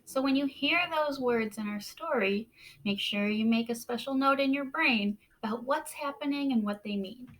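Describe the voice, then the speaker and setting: A teacher, a woman with a slightly high voice, reads aloud from a picture book for children, emphasizing key words in a deliberate, expressive way. The recording is rough.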